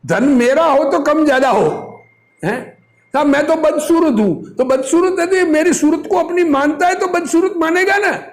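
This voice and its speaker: A religious teacher with a very high-pitched voice reads from a discourse at a moderate pace. His informal sermon explains the text in a teaching manner, leaning on repetition and rhetorical questions.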